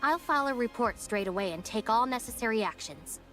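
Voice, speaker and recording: A woman voicing a dutiful game officer who speaks brisk and matter-of-fact. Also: fairly high pitch, lively intonation, a bit bright, faint music behind. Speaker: game character. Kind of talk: game voice acting.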